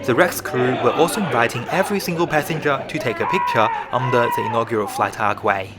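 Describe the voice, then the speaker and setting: A man's voice: medium pitch, fast. A man reading scripted voice-over narration for a flight review. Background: loud background music.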